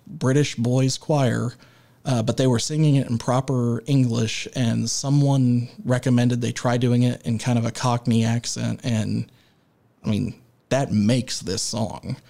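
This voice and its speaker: Gravelly-voiced man, halting podcast chat. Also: medium pitch, dark tone. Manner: halting, many filler sounds and restarts; leads the discussion and segues. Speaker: podcast co-host. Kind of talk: casual music podcast chat.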